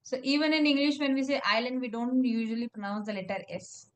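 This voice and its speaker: A woman's voice: a little high, fast. A woman teaching French one-on-one, patiently spelling words out letter by letter and saying "okay" often. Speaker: French tutor. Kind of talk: one-on-one language lesson.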